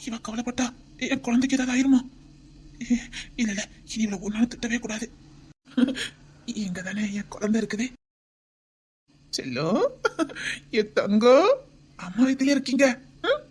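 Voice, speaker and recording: A woman's voice: on the high side, expressive, unhurried, pauses often, darkish tone, husky. A woman with a Tirunelveli Tamil accent voicing a doting young husband and father-to-be, tender and pleading, often near a whisper. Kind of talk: homemade web drama.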